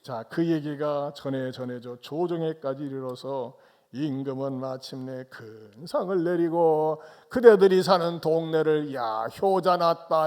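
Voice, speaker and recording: A man's voice: on the high side, dark tone. A male pastor delivering a Sunday sermon in church, with dramatic storytelling and rhetorical questions to the congregation.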